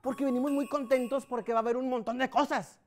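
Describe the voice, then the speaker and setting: A woman with a Mexican accent hosting a children's TV show in an animated, playful and teasing way. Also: sits high, fast. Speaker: children's TV host.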